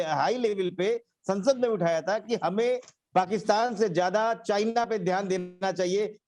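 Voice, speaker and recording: A party spokesman arguing on a TV panel, emphatic, slowing down to read quotes word by word. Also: high-pitched, darkish tone.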